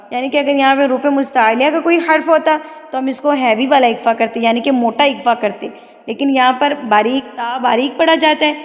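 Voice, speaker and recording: A woman with a Pakistani Urdu accent teaching Quran recitation, chanting verses slowly and melodically, then explaining the rules briskly. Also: high voice, big-room sound. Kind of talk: tajweed lesson alternating slow recitation and explanation.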